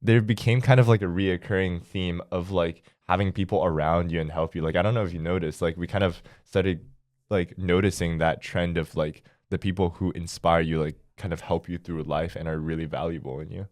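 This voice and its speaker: A man's voice: low voice, steady tone, a little fast, a little mellow, no echo, studio quality. A teenage guy from China co-hosting a podcast, chatting casually with lots of fillers. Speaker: podcast co-host. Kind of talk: casual chat.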